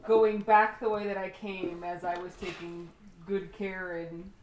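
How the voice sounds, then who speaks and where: A woman's voice: fairly low pitch, flat delivery, a little slow, crowd noise. A woman playing a tabletop game, teasing and laughing often as she describes her moves. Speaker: player. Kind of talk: casual tabletop play. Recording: roomy echo.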